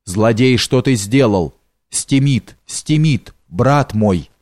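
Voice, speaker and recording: A man's voice: mid-range voice, expressive, slow, a little mellow, no room sound, studio quality. A man reading as an impassioned young hero. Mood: grieving. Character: young male hero, loyal and grieving.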